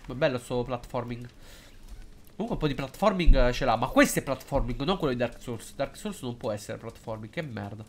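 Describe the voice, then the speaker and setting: A man giving casual, excitable and jokey live commentary while streaming a game, hesitant and halting whenever he switches into English. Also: medium pitch, slight background noise. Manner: excitable and jokey, swings between loud outbursts and mumbling.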